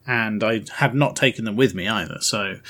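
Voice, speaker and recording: A man's voice: lowish voice, moderate pace, sharp tone. Guy in his 40s, chatty co-host, pokes fun at himself, chuckles a lot. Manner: chatty, self-deprecating, laughs at his own jokes. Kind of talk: casual chat.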